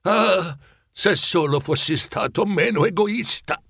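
A man's voice: lively intonation, takes it slowly, a bit bright, husky, no echo, clean studio sound, heavily acted. A man voicing the ghost of a dead old businessman, chained and remorseful, speaking in a mournful, pleading way for a storybook reading. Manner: mournful, pleading, rising in pitch.

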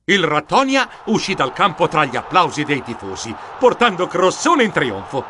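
A man narrating a children's storybook in a lively, expressive manner. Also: a little high, normal speed, music in the background. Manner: expressive, animated. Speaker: audiobook narrator.

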